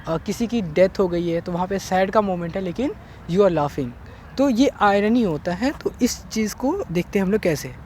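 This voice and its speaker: A man's voice: high voice, animated, darkish tone, a little hiss or hum. A man teaching an English grammar lesson online, explaining step by step and checking in with "theek hai" often. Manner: slow, repetitive explaining with frequent "theek hai".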